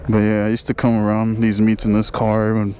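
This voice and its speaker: A man's voice: on the low side, monotone, fairly quick. A young man giving casual, slangy vlog commentary outdoors, talking to his viewers and swearing freely. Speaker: motovlogger. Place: outdoors on a motorcycle at a car meet. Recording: loud vehicle and outdoor noise. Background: engines and traffic noise.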